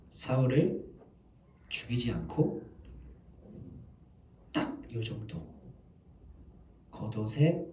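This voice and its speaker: A man's voice: medium pitch, distant mic, slight background noise. Man preaching in an echoey hall. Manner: storytelling, dramatic shifts between hushed and loud. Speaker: pastor. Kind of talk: Sunday sermon. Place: church.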